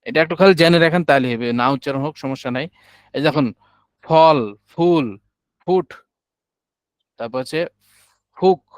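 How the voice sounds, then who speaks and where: A man with a Bangladeshi Bengali accent teaching an online class, drilling syllables slowly and patiently. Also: on the high side, no room sound.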